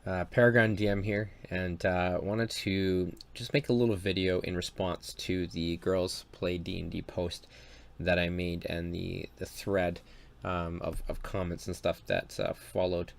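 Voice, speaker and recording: Stuffy, gravelly deep-voiced man. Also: flat delivery. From Ontario, Canada. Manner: hesitant, halting, earnest. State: stuffy from a cold. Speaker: dungeon master and video maker. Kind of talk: casual talk to camera.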